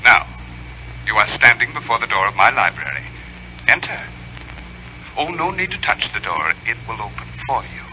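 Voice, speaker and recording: An actor playing a suave, calmly commanding stage magician with theatrical, deliberate, formal diction, in old-time radio style. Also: male voice, lowish voice. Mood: taunting, commanding. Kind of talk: 1940s radio acting. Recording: noisy old radio recording.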